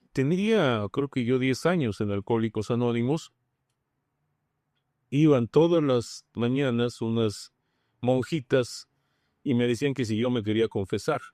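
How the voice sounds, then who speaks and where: A man's voice: medium pitch, darkish tone, no room sound. Middle-aged Mexican man as podcast guest, frank and colloquial, dry close sound. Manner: frank, slangy storytelling with many restarts. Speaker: guest, member of Alcoholics Anonymous. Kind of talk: personal recovery testimony in a podcast conversation.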